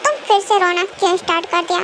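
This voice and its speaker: A woman's voice: extremely high pitch, fairly even intonation, fast talker, background noise. A woman voicing a bossy, short-tempered young mafia king husband who scolds and gives impatient commands. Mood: irritated.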